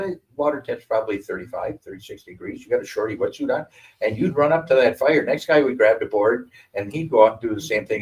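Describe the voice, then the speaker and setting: An older man from Wisconsin giving a talk, telling lively stories and acting out the voices of the people in them. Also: mid-range voice. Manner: animated storyteller acting out quoted voices. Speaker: guest speaker. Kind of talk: storytelling talk. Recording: voice from a distance.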